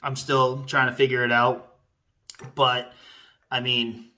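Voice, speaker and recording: Guy doing a laid-out casual review vlog, sharp bright voice, chatty and kinda rambly. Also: medium pitch, flat delivery, slow. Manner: rambling, conversational, informal. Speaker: product reviewer.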